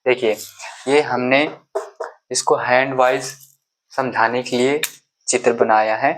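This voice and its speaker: A man teaching basic math to young children. He talks patiently and keeps checking that the class is following. He counts aloud slowly, one number at a time. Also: medium pitch, level tone, fairly bright tone, slight background noise, rough recording. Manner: patient, repeats "ठीक है" and "देखिए" often.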